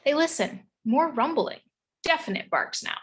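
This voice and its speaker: A woman's voice: high-pitched, big pitch swings, normal speed. A woman narrating the stage directions of a script in a read-through.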